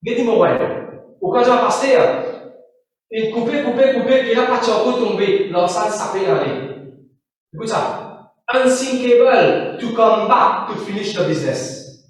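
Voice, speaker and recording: A man's voice: extremely high pitch, lively intonation, unhurried, long pauses. A male pastor preaching a sermon, repeating phrases and slipping in English lines. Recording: echoey hall, distant mic, faint noise.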